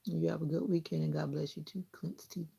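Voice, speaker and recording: This woman, a vlogger with a Southern US accent, cuts her own hair while chatting casually and laughing frequently with viewers watching live. Her voice sits low and is creaky, husky and dark, with a level tone and fast pace.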